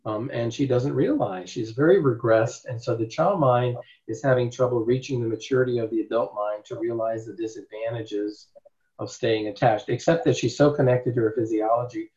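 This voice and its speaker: A male therapist teaches a group in a loose, rambling way, leaning hard on his points and tossing out rhetorical questions. His voice sits at a middle pitch. The recording is dull and lo-fi. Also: normal speed, mellow. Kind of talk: informal teaching talk.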